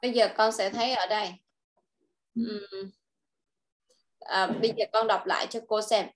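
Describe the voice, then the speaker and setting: A woman with a Vietnamese accent tutoring English, patiently coaxing and modelling sentences slowly. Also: medium pitch, steady tone. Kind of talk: online tutoring lesson.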